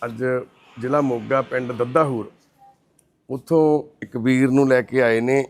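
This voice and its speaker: A man narrating a charity case in a gentle, measured manner. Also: mid-range voice, fairly even intonation, vocal fry. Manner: gentle, consoling, measured delivery. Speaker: charity worker presenting a case. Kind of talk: documentary-style narration and on-site questioning.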